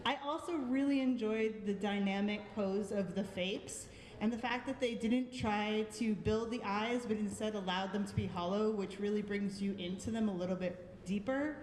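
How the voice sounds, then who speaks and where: A woman with a mid-range, slightly mellow voice and a Boston accent judges an art show, critiquing pieces live at a moderate pace. She is friendly and thoughtful, with frequent ums. Long reverb fills the echoey hall.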